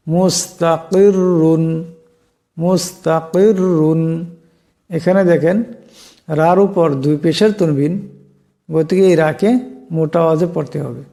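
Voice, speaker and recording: A man teaching Quran reading in Bengali, explaining slowly and deliberately, stretching out each example word. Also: fairly high pitch, gravelly, warm tone. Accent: Bangladeshi Bengali. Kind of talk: Quran recitation lesson.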